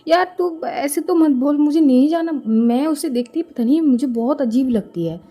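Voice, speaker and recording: A woman acts out a protective young friend who speaks her mind bluntly. Her voice is fairly high and soft-toned. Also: expressive, moderate pace. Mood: frank. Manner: frank, firm, outspoken.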